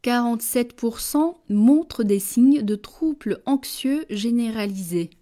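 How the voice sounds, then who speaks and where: Woman, dictation reader, very slow and measured, warm mellow tone, repeats each phrase. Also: animated. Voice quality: measured, deliberate, dropping low on punctuation words. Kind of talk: slow French dictation, each phrase read twice with punctuation spoken.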